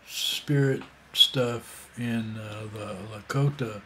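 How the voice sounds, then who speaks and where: A man's voice: medium pitch, steady tone, takes it slowly, bright, forceful tone, slight background noise. A man in his sixties telling a rambling, casual story full of fillers and asides. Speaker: vlogger.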